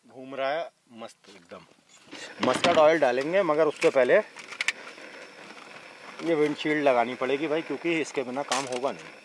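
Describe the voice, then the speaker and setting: A man's voice: mid-range voice, moderate pace, pauses often, heavy background noise. A man in his thirties vlogging casually while he camps alone outdoors at night, recorded by a camera a few metres off. He talks to viewers in an easy, chatty way. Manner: chatty, keeps calling viewers brother. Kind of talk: casual solo camping vlog. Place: outdoors at night beside a tractor caravan on a hilltop.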